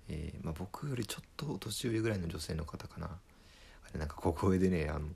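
A man, a comedian, telling a story in a casual monologue, retelling it in a lively way and acting out the quoted lines. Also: low voice, fast, vocal fry, breathy edge.

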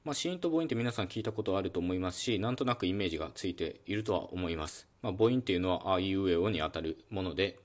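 A man hosting a solo educational podcast, calmly explaining phonetics with many fillers and demonstrating speech sounds aloud. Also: deep voice, fast talker, hardly any pauses. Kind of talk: calm solo educational talk.

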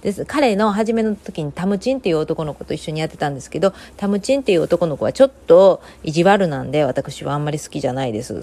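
A woman's voice: sits low, mellow. A woman with a Kansai accent, hosting a casual solo talk segment, rambling and giving her opinions freely with many fillers. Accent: Kansai Japanese.

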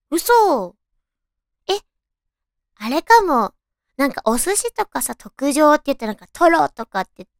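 A woman with a naturally high, cute anime-girl voice hosts a solo radio-style show, talking in a girlish, expressive way. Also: gravelly, dry recording, clean studio sound. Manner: cutesy, girlish, expressive delivery. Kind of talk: solo radio-style chat, reading trivia with casual reactions.

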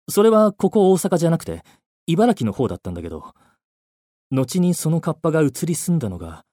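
A man narrating a first-person ghost story in a scripted, hushed telling that sinks to near-whispers at tense moments. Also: a little high, no room sound, clean studio sound. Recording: faint music underneath.

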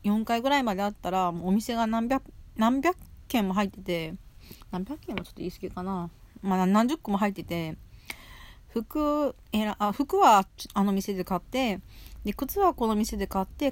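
A woman hosting a solo show in casual, rambling chat, chewing as she talks with food in her mouth and often repeating phrases. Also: medium pitch. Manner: chewing while talking, mouth often full. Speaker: solo audio show host. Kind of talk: casual chat while eating.

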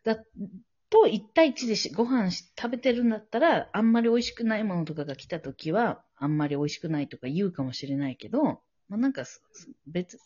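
A woman's voice: mid-range voice, expressive, quick pace, a little mellow, slightly rough, dull audio. A woman from Japan co-hosting a podcast, chatting casually and rambling as she searches for words. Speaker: podcast co-host. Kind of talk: casual chat, telling a personal worry.

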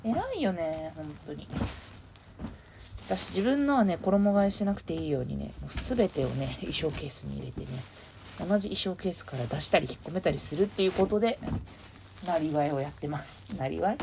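A woman's voice: low-pitched, lively intonation, moderate pace, creaky. A woman hosting a casual solo podcast, rambling and chatty as she sorts clothes at home. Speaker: podcast host. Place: at home, sorting clothes while talking. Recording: noisy home recording.

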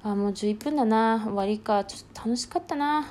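Solo talk host, woman, rough casual speech, quick delivery. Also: fairly high pitch, a little mellow. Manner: rough, blunt, colloquial speech. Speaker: podcast host.

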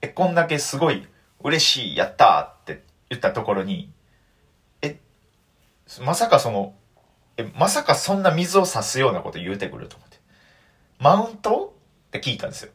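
A young man with a Kansai accent telling stories on his solo talk show, animated and mock-outraged in his asides. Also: medium pitch, fairly quick, long pauses. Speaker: comedian and podcast host.

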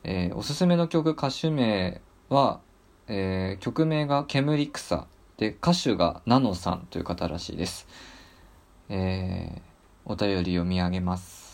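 A man's voice: low-pitched, a little slow, gravelly. Polite, hesitant man hosting a talk show. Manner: polite, hesitant with many fillers. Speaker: podcast host. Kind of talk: casual radio talk.

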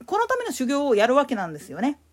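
A woman with a Kansai accent giving a solo explanatory talk as a podcast host, emphatic in her delivery. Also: very fast. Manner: explanatory, emphatic, lively pitch swings.

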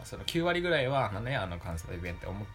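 A man's voice: lowish voice, very animated, fast talker, a bit bright, soft background music. A man co-hosting a podcast in casual chat, playful and now and then slipping into Kansai-style phrasing. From Hokkaido. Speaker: podcast co-host.

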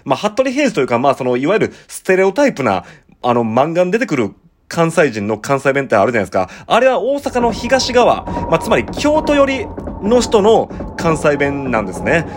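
A man in his thirties speaks with a western Osaka Kansai accent, hosting a relaxed solo show where he reads listener mail. His talk is chatty and rambling, with lively swings of pitch as he explains things. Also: a little fast. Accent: western Osaka Kansai dialect. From Osaka, Japan. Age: 30s. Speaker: podcast host and musician. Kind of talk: casual solo talk reading listener letters.

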